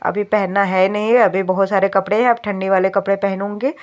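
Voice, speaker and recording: A woman in her thirties narrates a home vlog while nursing a sore throat, chatting with viewers as if they were friends. Her medium-pitched voice is flat, fairly quick and a little mellow, and the highs are cut off.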